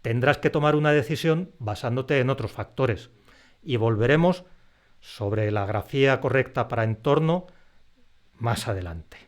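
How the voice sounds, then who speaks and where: A man giving a clear, explanatory language lesson, slowing down to stress example words. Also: mid-range voice, animated. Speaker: Spanish language teacher.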